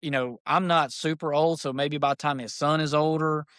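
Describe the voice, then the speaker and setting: A man, an archery shop owner, telling stories as a podcast guest in a folksy, animated way. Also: on the high side, moderate pace, no room sound, studio quality. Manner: animated, folksy, says "dude" a lot. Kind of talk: casual storytelling chat.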